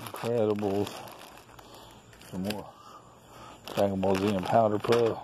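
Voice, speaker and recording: With a lowish, level voice and an unhurried pace, a middle-aged man casually shows things off in short, folksy, offhand phrases. He is a toy collector and store owner whose vlog offers handheld show-and-tell commentary from a backyard and cluttered storage shed, captured on a handheld phone behind the camera with clearly noisy outdoor sound.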